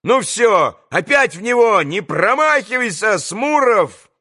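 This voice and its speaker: A man voicing a gang of schoolboys who jeer and shout while throwing stones, in an audiobook. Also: moderate pace. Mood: jeering excited. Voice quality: shrill shouting.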